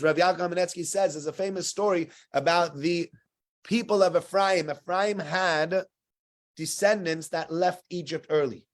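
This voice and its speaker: A man teaching the weekly Torah portion to a small group, conversational and full of rhetorical questions. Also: fairly high pitch. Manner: conversational, rhetorical questions, acts out quoted exchanges. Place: synagogue room with listeners.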